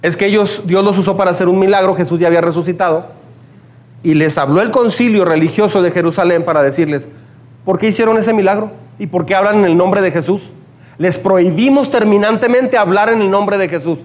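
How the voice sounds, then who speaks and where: A man's voice: high voice, fairly quick. A man with a northern Mexican accent from Chihuahua, preaching a sermon and telling personal stories, acting out the lines of the people in them. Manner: animated, acts out quoted dialogue. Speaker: pastor.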